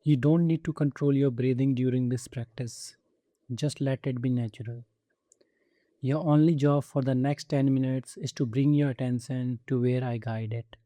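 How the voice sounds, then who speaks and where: Guiding a body scan for relaxation, a man speaks at normal speed in a deep-toned, very warm, relaxed voice of medium pitch. Brief, gentle instructions are separated by pauses. There's no echo, and the sound feels close and dry.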